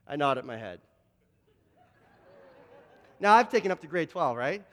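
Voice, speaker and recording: A man preaching a sermon, telling lively anecdotes and often repeating words as he restarts his sentences. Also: a little high, unhurried, long reverb tail. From Canada, Toronto. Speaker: pastor. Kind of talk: storytelling sermon.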